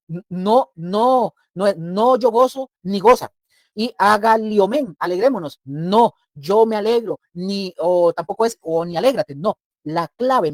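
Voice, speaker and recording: A male preacher with a high voice teaches scripture at a Bible study, explaining emphatically in a sermon style. He keeps addressing his listeners as brothers and acts out little scenes to make his point. The recording is dry and close, with no sense of the room.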